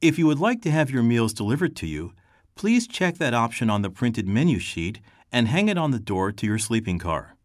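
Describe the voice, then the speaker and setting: A man reading a scripted train announcement in a polite, clear announcer manner. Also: mid-range voice, very animated, moderate pace, dry recording, clean studio sound. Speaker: train announcer in a test recording.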